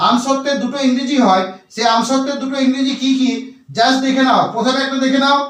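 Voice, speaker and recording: A man's voice: very high-pitched, fairly bright tone. A man teaches a YouTube language lesson. He repeats himself and spells words out letter by letter. The room around him is echoey.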